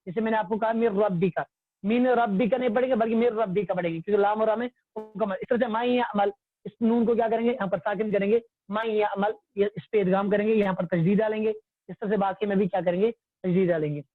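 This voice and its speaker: Over tinny phone audio, a high-pitched man with fairly even intonation teaches tajweed in an online religious class, patient and repetitive as he quizzes the class. Faint music plays behind him, there's no room sound, and he's using a phone or computer mic on a video call.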